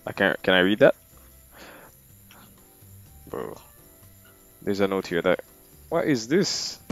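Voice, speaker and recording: A man's voice: deep voice, very animated, takes it slowly, a bit bright, soft background music. A young man giving slangy, reactive commentary while playing a horror game, calling everyone bro. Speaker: gamer. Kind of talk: live gameplay commentary.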